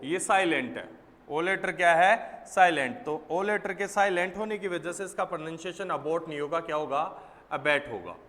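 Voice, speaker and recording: A man teaches word meanings for exams in a fairly high voice. He repeats key words and asks questions, then answers them himself. His voice carries a long reverb, as if in a hall. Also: fairly bright tone. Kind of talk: exam vocabulary lesson.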